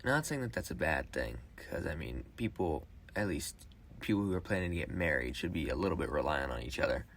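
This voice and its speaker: Low-voiced young man rambling into his phone. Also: expressive, gravelly, a bit bright, slight background noise. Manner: halting, with restarts and fillers. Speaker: vlogger. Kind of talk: rambling personal monologue. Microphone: phone voice memo.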